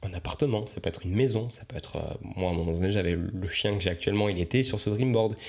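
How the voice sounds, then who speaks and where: A man's voice: fairly low pitch, fast talker, gravelly, darkish tone. A young man, a coach, musing aloud in a casual podcast monologue, rambling and reflective with many fillers and restarts.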